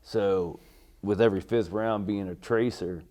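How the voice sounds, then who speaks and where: Mellow, low-voiced American veteran remembering. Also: male voice. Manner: veteran remembering, halting recall with deferential politeness. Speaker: military veteran being interviewed. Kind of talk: oral history interview, recalling army service.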